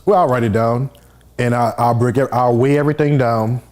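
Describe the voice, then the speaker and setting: A man's voice: mid-range voice, fairly even intonation, fairly quick, darkish tone. A man, a fitness coach, explaining things step by step in casual chat.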